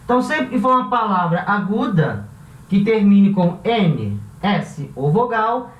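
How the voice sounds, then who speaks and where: A man with a Brazilian Portuguese accent teaching a language lesson, slowly spelling out syllables and repeating each example. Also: high voice, sing-song, lo-fi sound. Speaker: Spanish teacher. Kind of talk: classroom lesson at a board. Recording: roomy echo from a distant mic, faint background hum.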